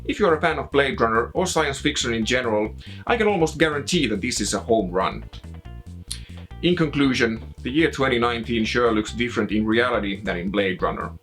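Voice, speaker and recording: A man's voice: mid-range voice, animated, brisk, fairly bright tone, soft background music. A man with a Finnish accent reading a scripted video essay narration as the host of a game review show.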